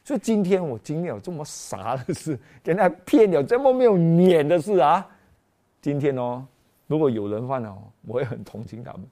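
Pastor guy, middle-aged, warm mellow voice, storytelling sermon w lots of exclamations. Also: on the high side, a little fast. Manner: animated storytelling, frequent exclamations, mixes in English phrases. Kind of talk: sermon with personal testimony.

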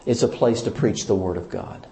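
This sermon comes from a man with a lower voice, speaking at a moderate pace in a room full of echo. The church leader keeps asking his listeners questions and stresses his points with spirited emphasis.

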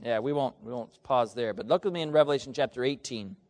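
Talking fast in a mid-range, slightly mellow voice, a man gives a sermon with call and response. He reads scripture aloud and asks questions that the congregation answers, with long large-hall reverb on the recording.

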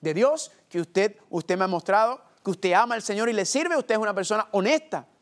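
A man's voice: high voice, lively intonation, a little fast. A man preaching a sermon, asking the congregation rhetorical questions and quoting scripture. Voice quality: quotes scripture. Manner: addresses listeners as family.

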